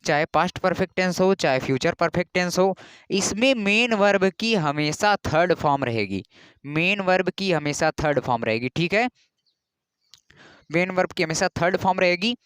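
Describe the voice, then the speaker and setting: High, clear-voiced teacher repeating rules. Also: male voice, expressive, fairly bright tone, dry recording. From India. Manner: patient, repeats key rules, spells out words slowly. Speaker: English grammar teacher. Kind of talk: classroom grammar lesson.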